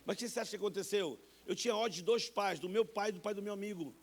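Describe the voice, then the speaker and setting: High gravelly Brazilian man preaching. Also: rapid-fire. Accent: Brazilian Portuguese. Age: 50s. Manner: animated, acts out voices in his stories, calls listeners brother. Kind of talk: sermon testimony. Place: church sanctuary.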